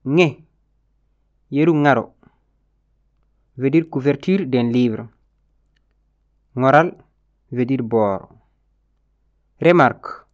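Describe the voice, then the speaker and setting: A man teaching a language lesson, reading letters and word pairs slowly and deliberately, one by one. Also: medium pitch, dull audio. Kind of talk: slow instructional reading of word lists.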